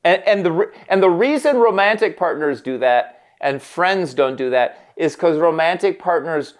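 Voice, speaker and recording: A man's voice: on the high side, lively intonation, moderate pace. A man co-hosting a candid conversation, explaining in a frank, casual way and acting out the voices he quotes. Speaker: podcast co-host, therapist.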